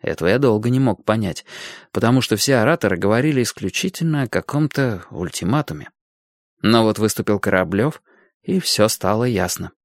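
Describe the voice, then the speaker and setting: A man's voice: fairly low pitch, expressive, fairly quick, no echo, studio quality. A man narrating a story in the first person, reading expressively as an audiobook narrator. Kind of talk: scripted narration.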